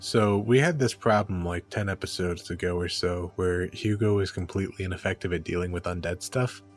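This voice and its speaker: A man with a low voice plays a tabletop game and chats casually about his moves. Music plays behind him. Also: brisk.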